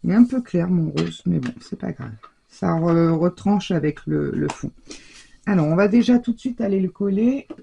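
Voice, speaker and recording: A woman hosting a casual crafting tutorial, chatting warmly to her viewers with many fillers and self-corrections. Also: lowish voice, animated, normal speed, gravelly, husky. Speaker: crafting channel host.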